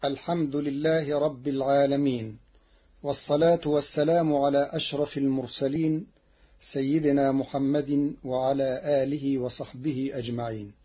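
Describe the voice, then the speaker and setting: A man teaching Quran recitation in a formal, measured way, explaining each reading with precision and intoning the verses he quotes. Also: mid-range voice, steady tone, breathy edge. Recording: muffled lo-fi recording.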